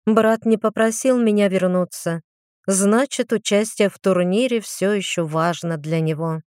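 Woman, audiobook narration, first person, even steady reading, dry close recording. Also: mid-range voice, measured pace, no room sound.

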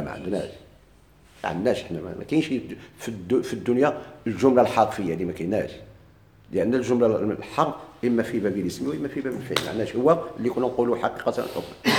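A man with a Moroccan Arabic accent teaching Arabic grammar in a classroom lecture. He asks questions and answers them himself, and drags out his examples slowly. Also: mid-range voice, darkish tone, a little hiss or hum. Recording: echoey room.

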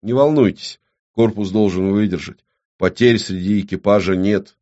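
A man voicing an unflappable submarine captain who speaks calm and matter-of-fact. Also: fairly low pitch, normal speed, lightly acted. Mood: reassuring. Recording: dull lo-fi recording.

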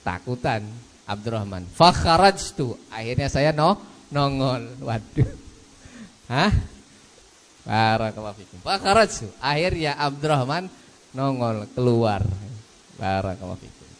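Male Islamic preacher, sermon, unhurried, chanted Arabic, heated acted-out quotes. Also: medium pitch, lively intonation. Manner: chants Arabic text slowly, then explains in casual Indonesian; acts out quoted speech in a raised, heated voice. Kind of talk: sermon retelling a hadith story.

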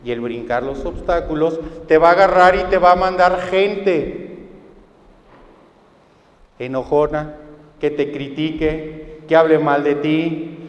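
A man with a Mexican Spanish accent preaching a sermon at a retreat, swinging from hushed to loud and acting out quoted prayers. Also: fairly high pitch, takes it slowly, long pauses. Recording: roomy hall with long reverb.

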